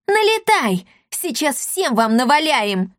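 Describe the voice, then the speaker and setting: A woman's voice: very high-pitched, animated, unhurried, no echo, clean studio sound, voice pushed up. Woman doing a fierce brash orphan girl. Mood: fierce, taunting. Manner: loud, threatening shouts.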